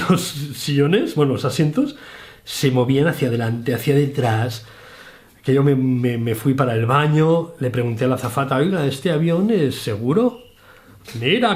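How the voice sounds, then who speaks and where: A man's voice: medium pitch, a little mellow. Chatty man telling a travel story. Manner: chatty, self-mocking, many restarts. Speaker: travel vlogger. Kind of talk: casual storytelling.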